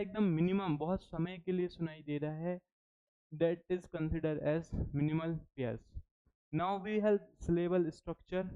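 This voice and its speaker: A man's voice: high voice, warm tone, smooth. A man with an Indian English accent giving an exam-prep phonetics lecture, switching between Hindi and English and repeating words to drill them. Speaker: English teacher. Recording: dull lo-fi recording.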